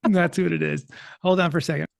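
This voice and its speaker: Male host, fairly high voice with fry, long winding questions, dry recording. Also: steady tone, fast, no room sound. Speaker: podcast host. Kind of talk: casual interview chat.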